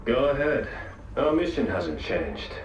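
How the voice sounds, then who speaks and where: An actor playing a cold-blooded, menacing operative in a game, speaking tersely and deliberately. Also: male voice, mid-range voice, sing-song. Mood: grim. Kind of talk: scripted video game drama. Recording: muffled, echoey, distant, music behind.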